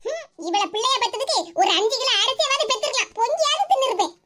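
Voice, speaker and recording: In cartoon voice acting, a performer with a very high-pitched, expressive, fast voice plays a bitter, grumbling old mother. She speaks with a Tirunelveli Tamil accent in a scolding, self-pitying way, over loud background noise.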